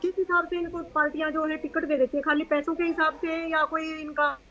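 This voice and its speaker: A woman's voice: high-pitched, little pitch movement, brisk, sharp tone, slight background noise, poor audio. A woman, a guest on a remote interview over a call line, speaking with indignant emphasis. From Haryana, India.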